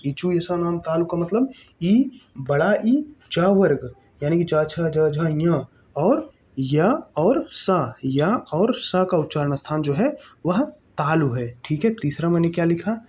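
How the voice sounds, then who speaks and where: Teacher, exam-prep lesson, slow, dark mellow tone, repetitive drilling, rhetorical questions. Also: mid-range voice, lively intonation. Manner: drills by repeating terms and asking rhetorical questions; checks in with "okay?" often.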